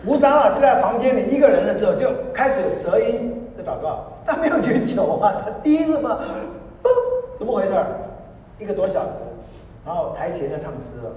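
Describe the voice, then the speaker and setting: A high-voiced pastor from Taiwan gives a storytelling sermon, brisk and lively, laughing as he mimics others. Recorded from far off in a big, echoey hall, his voice carries across the room and a long echo lingers after each phrase.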